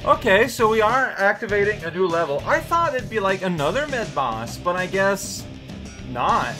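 A man's voice: high voice, sing-song, normal speed. A man giving casual let's play commentary, with wry, rambling asides. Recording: voice over game music. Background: video game music and sounds.

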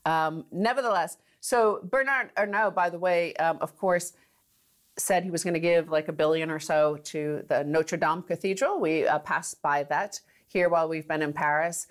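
A woman co-hosting a finance talk show, chatting and laughing lightly as she talks in a studio. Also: normal speed. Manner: chatty, laughs through lines, rising pitch for emphasis. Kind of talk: conversational studio commentary.

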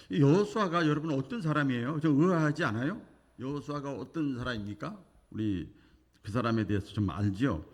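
Animated pastor preaching in a reverberant church. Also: male voice, mid-range voice. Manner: animated preaching, acting out quoted voices with big swings in loudness. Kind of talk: sermon. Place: church sanctuary. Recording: long church hall reverb.

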